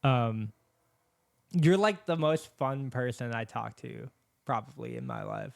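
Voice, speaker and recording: A man's voice: mid-range voice, very animated, a little slow, gravelly, dry recording. Man with a lisp, dry close sound. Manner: rambling, earnest, heavy on fillers. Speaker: podcast host. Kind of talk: casual podcast chat. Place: podcast set with camera and microphones. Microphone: studio microphone.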